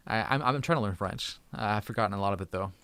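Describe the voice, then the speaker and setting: A man in his thirties chats casually with viewers on his tech channel's home live stream, thanking them and often restarting or repeating words. His voice is lowish but fairly bright, clear and resonant, racing along with no echo.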